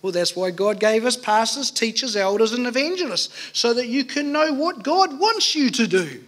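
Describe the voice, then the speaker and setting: A man's voice: very high-pitched, expressive, moderate pace, fairly bright tone. A man preaching a sermon at a pulpit microphone in a church, earnest and emphatic, asking rhetorical questions. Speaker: pastor.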